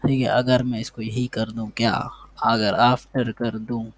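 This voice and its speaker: Male coding tutor, medium pitch, monotone delivery, casual think-aloud style. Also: unhurried. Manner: thinks aloud while typing, repeats words, talks to the code. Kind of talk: casual screen-share coding lesson.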